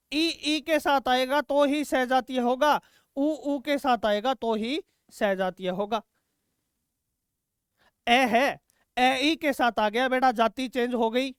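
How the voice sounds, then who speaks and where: A man's voice: extremely high pitch, fairly bright tone, smooth, no room sound, studio quality. A male teacher taking students through exam quiz questions, asking questions and answering them himself and calling students "beta". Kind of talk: exam-prep quiz lesson.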